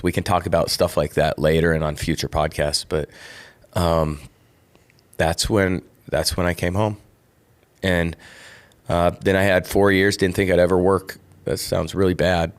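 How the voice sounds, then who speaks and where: A middle-aged man, a former football player co-hosting a podcast, earnestly telling a personal story in casual chat. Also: low-pitched.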